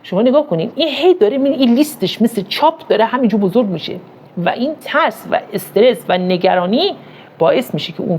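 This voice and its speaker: A woman's voice: a little high, darkish tone, slight background noise. A middle-aged woman from Iran giving a motivational talk on parenting, asking rhetorical questions and telling stories with emphasis.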